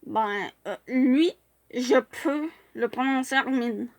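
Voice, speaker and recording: A woman's voice: high voice, takes it slowly, no room sound. A woman chatting casually in a vlog as she reviews fan profiles, hesitating often with filler sounds and restarts.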